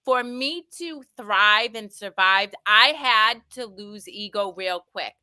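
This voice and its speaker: A woman's voice: medium pitch, slow pace, sharp tone, clean tone, no room sound. A woman speaking earnestly and hopefully in a casual group conversation.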